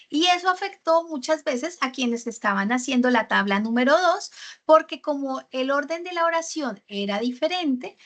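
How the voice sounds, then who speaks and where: A woman leads a writing workshop lesson. Her voice sits high and sounds bright and clear. She walks through grammar with example sentences, pausing on fillers and checking in with her students. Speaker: teacher.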